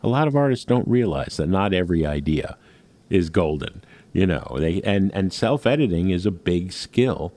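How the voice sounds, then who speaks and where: A male interviewer with a very low, mellow voice asks questions with eager engagement. He builds quickly on what his guest says. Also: sing-song.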